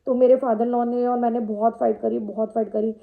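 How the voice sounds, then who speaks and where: Young woman, vlogger, personal storytelling, English words mixed in, fillers, somewhat high pitch. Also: flat delivery, fairly quick, creaky, narrow, tinny audio. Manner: mixes English words into Hindi, many fillers.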